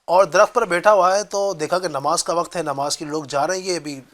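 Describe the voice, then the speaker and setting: A man recounting a moral tale in an easy conversational way on a religious talk show. His voice is high and bright, and his storytelling comes across as lively and engaged. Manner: storytelling, affirming with short interjections.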